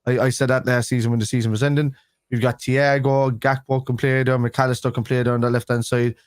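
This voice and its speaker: This dry recording captures a Liverpool man co-hosting a football fan stream the day after a tooth was pulled. His medium-pitched voice is flat and a little fast as he rambles casually, often restarting.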